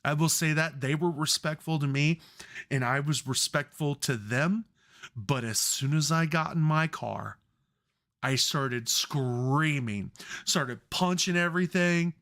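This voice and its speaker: A man's voice: on the high side, unhurried, fairly bright tone. A man co-hosting a sports podcast, telling heated, profane stories in casual chat. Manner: profane, worked-up storytelling. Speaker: podcast co-host.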